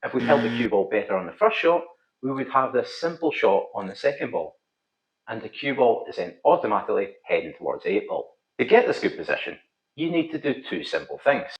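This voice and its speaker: A man's voice: medium pitch, sing-song, a little fast. A middle-aged man with a thick Scottish accent, giving scripted instructional narration as a pool coach and video host. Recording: slightly dull, roomy echo.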